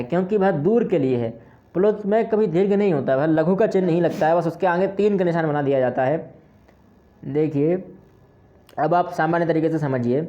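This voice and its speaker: A man with a warm, mellow voice teaches grammar. He moves patiently from point to point and stretches out vowels to demonstrate them. The recording sounds dull and muffled. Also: high voice. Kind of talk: explanatory lesson.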